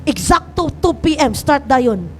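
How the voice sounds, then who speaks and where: A woman pastor preaches from a church, her voice pitched very high and ringing with excited exhortation, then dropping low and earnest. She mixes Cebuano and English and has the congregation echo key words back. A faint hum of noise and passing vehicles sits under the recording. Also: unhurried. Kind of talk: sermon. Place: church sanctuary.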